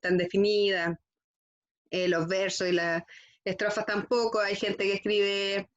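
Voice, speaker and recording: A woman's voice: mid-range voice, level tone, unhurried, lo-fi sound. A woman teaching a school lesson, constantly checking in with her students. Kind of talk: classroom lesson.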